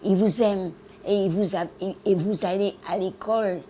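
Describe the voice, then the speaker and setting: A woman's voice: medium pitch, steady tone, mellow, a little hiss or hum. A 100-year-old woman from Guiana, recalling the war in an interview. She stammers and repeats herself, then drives her points home with emphatic exclamations. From French Guiana. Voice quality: gravelly. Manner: halting and repetitive, stammering over words; emphatic, with sound effects and defiant exclamations. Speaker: interviewee, war veteran and retired teacher. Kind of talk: spoken war memories in an interview.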